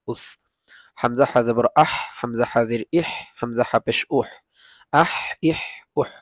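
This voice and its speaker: A man teaching Quran reading, drilling letter sounds slowly and patiently. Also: medium pitch, no echo. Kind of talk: recitation lesson, spelling out letters.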